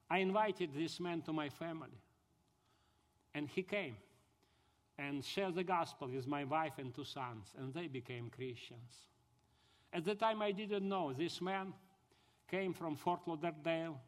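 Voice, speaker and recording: Ukrainian guy, high voice, telling his testimony in broken english, big echoey hall. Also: fairly bright tone. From southern Ukraine. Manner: halting, earnest storytelling in broken English. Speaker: speaker giving his testimony. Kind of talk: personal conversion testimony. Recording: long hall reverb.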